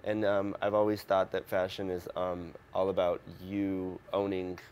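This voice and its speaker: A man from Mexico who grew up in Los Angeles, answering a host's questions in a relaxed, halting way with many ums. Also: low-pitched, clear, resonant tone. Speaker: interview guest. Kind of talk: casual interview answers.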